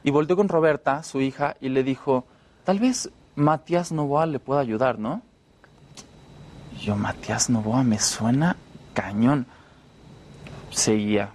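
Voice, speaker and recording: Mexican man telling stories, relaxed. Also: medium pitch, measured pace, pauses often. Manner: relaxed storytelling, fillers and restarts. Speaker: actor, guest. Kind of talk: casual interview chat.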